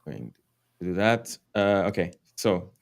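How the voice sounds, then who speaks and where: A man's voice: deep voice, sing-song, unhurried, vocal fry. French-accented man, rambling livestream chat. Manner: rambling, filler-heavy, swears, laughs often. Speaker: crypto livestream host.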